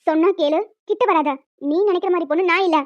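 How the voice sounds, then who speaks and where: A woman's voice: extremely high pitch, steady tone, fast talker. A woman voicing a frightened but defiant young woman in a cartoon, scolding and pleading. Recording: dull lo-fi with music behind.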